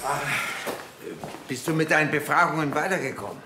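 An actor playing a bumbling, pompous police chief in a crime comedy, talking in an awkwardly overbearing way. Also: male voice, on the high side, brisk, natural voice. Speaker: police detective. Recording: noisy TV soundtrack.

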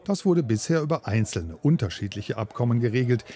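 A man reading a news report voice-over in a calm, even way. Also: medium pitch, a little fast.

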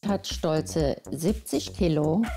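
A woman's voice: low-pitched, animated, slow, dark tone, soft background music. A woman from Germany talking to camera as a viewer, plain and matter-of-fact. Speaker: viewer with a request.

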